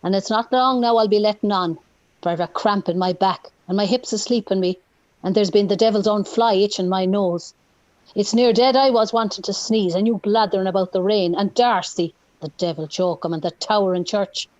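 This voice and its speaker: A woman's voice: mid-range voice, moderate pace, darkish tone, dry recording, muffled recording, close to an everyday voice. A woman reading the part of a bitter old husband who is faking his death, grumbling and complaining. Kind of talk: play reading.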